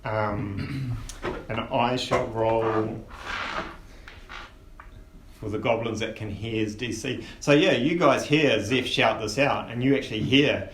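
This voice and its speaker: A man narrating as game master of a tabletop game, relaxed and rambling with many fillers. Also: mid-range voice, slow, pauses often. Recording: echoey room with faint hiss.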